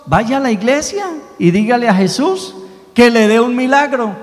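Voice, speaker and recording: Brief: gentle, patient pharmacist, played by a priest, Santander accent, fairly high voice, echoing church. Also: male voice, lively intonation, normal speed. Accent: Colombian Santander. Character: kindly male pharmacist.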